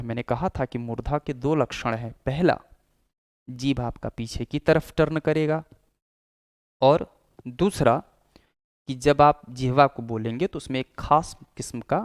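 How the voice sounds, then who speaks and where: A male teacher giving a lecture. His voice is smooth and resonant, close to the mic. The recording is dry, with no room echo. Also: mid-range voice. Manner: explanatory, demonstrates sounds aloud. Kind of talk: classroom lecture.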